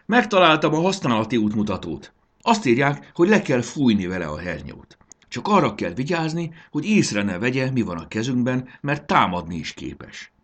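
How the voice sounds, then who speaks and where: A man voicing a clever, bold young boy in a storybook, brisk and confident. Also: mid-range voice, sing-song, pitched above the performer's own voice.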